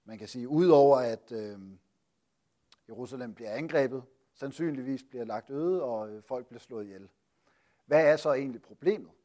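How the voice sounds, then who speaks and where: A man preaching and teaching on a Bible passage, asking lively rhetorical questions and pausing often with hesitations. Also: medium pitch.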